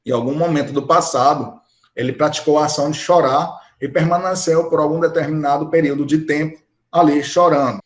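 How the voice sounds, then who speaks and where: A man's voice: a little high, fairly even intonation, fairly quick, echoey room. A man with a Brazilian Portuguese accent teaching an English grammar lesson, explaining each rule step by step and often checking in with the class. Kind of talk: recorded online grammar lesson.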